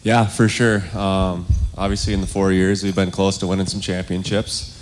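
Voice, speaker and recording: A young man from Minnesota, a college hockey player in a master's program, answering earnestly and measured. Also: low-pitched, level tone. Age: young adult. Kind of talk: casual interview answers.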